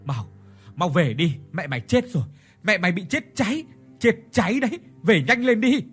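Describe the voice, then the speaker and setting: A man voicing a panicked village boy who shouts between gasps for breath. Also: sits high, expressive, moderate pace, husky, faint music behind, pitched above the performer's own voice, exaggerated voice. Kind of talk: storytelling with acted voices.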